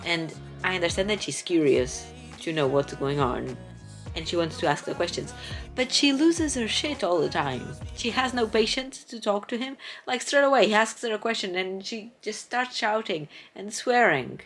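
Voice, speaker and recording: A woman vlogging about books in a casual chat, candid and opinionated, with lively exclamations. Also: fairly low pitch. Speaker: book vlogger. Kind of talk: casual book review vlog.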